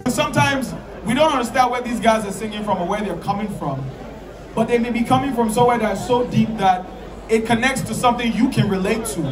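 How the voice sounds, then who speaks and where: A man's voice: very high voice, a little fast, music in the background. A man speaking on a handheld mic at an outdoor night event, talking earnestly to the audience and checking that they follow him. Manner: shouting, earnest, asks the crowd to follow. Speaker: event host on stage. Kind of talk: live speech to an audience. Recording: distant crowd-filled event audio.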